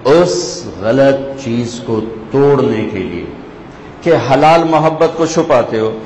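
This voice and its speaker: Older preacher in an echoey hall. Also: male voice, lively intonation, darkish tone, slight background noise. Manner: storytelling with sudden swings between low and raised voice. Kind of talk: sermon. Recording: echoey hall with faint ambience.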